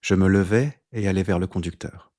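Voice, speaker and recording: A man narrating a first-person literary audiobook in a measured, even delivery. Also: deep voice.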